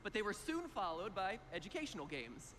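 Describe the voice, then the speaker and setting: A man's voice: sits high, sing-song, a little fast, background noise. A man presenting an award, reading scripted lines with a joking aside.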